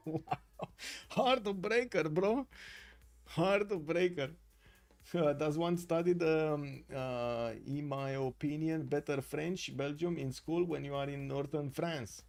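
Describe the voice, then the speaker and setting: Somewhat high, gravelly, and a bit mellow, the voice of this streamer takes its time as he casts a strategy game tournament live. His commentary is casual and full of fillers, broken up by chatting with viewers by name as he reads chat.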